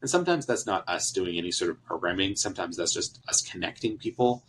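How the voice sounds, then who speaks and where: Very deep-voiced man, relaxed and rambling. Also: quick pace, slight background noise, poor audio. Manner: relaxed, hedging with fillers and restarts. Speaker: charity staff interviewee. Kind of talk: conversational interview answers.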